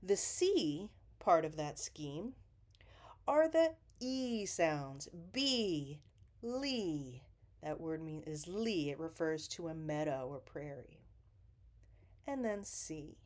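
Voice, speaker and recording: Woman teacher, poetry lesson, slow, patient delivery, pitch that rises and falls widely. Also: a little mellow. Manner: slow, patient, with deliberate emphasis.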